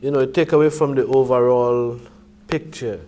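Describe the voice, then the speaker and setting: A man's voice: medium pitch, fairly even intonation, normal speed, warm tone. A man with a Caribbean accent speaking in a Rastafarian manner, making emphatic points in conversational reasoning. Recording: clearly noisy ambient background.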